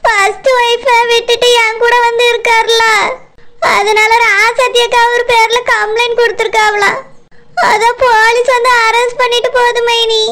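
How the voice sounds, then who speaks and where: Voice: extremely high pitch, level tone, measured pace, sharp tone, exaggerated voice. A voice actor playing a tearful young village wife who pleads while sobbing, with a Tirunelveli Tamil accent. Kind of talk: cartoon voice acting.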